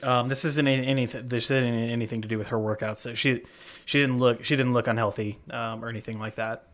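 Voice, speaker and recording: A man's voice: on the low side, fairly bright tone. A man co-hosting a podcast, telling a story in casual chat, full of fillers and restarts. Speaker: podcast co-host. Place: worked at a gym front desk.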